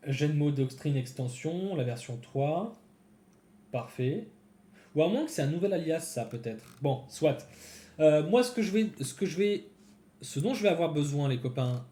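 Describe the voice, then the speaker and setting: A man's voice: a little high, expressive, normal speed, dark tone, echoey room, slight background noise. Chatty man thinking aloud while coding. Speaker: developer streaming a coding session. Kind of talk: casual live-coding commentary.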